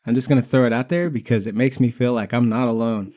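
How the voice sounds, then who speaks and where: Podcast co-host, man in his thirties, warm dark tone, teasing banter. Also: mid-range voice, fast. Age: 30s. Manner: joking, teasing banter with frequent laughs. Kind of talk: casual podcast chat.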